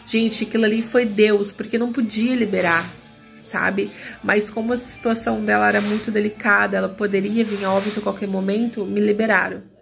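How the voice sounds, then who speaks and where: A young adult woman talking somberly to her viewers in a personal, confessional vlog, halting often and turning to them with frequent asides. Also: mid-range voice, fairly even intonation, creaky, faint music behind. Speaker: vlogger.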